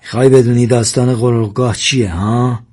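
A man voicing a hot-tempered, accusing village man in a storybook reading, with a husky voice. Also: medium pitch, steady tone, lightly acted. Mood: tense. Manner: accusing, shouts at times.

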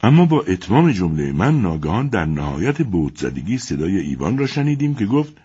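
A man reading a story aloud as narrator, with an expressive delivery. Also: low-pitched, breathy edge, muffled recording. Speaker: audiobook narrator.

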